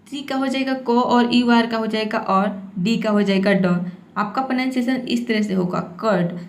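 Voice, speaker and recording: A woman teaching English pronunciation in Hindi, explaining rules patiently and repeating each word. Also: on the high side. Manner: patient, repeats words and checks with "theek hai".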